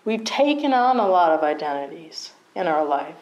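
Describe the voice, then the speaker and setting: A woman's voice: fairly low pitch, sing-song, moderate pace, darkish tone, highs cut off. A middle-aged woman teaching meditation in a conversational dharma talk, often checking in with her listeners and laughing at herself.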